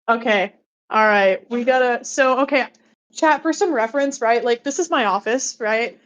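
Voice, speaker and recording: A woman livestreamer chatting casually with friends in a playful, animated gamer-girl manner. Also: on the high side, unhurried, low-quality recording. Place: home office.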